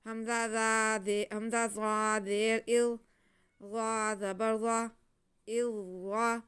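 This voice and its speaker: A woman teaching Quran reading, chanting letters and syllables slowly, then explaining the rules in quick soft asides. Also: a little high, little pitch movement, clean tone.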